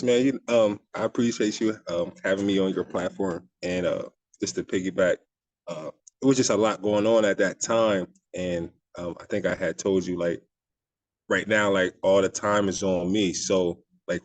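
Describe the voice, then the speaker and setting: A man chatting casually as a podcast guest, high, with a laid-back stoner way of talking. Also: fairly even intonation, normal speed, a little mellow, no room sound. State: high on marijuana. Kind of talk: casual chat.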